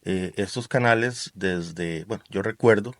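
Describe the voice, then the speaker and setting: A Costa Rican man co-hosting a talk show, speaking in a lowish voice. He talks in a measured, relaxed way and often closes a thought with a tag question. The sound is dry and close to the mic. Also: no room sound. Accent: Costa Rican Spanish. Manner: measured, relaxed, tags remarks with "¿verdad?". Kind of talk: casual discussion.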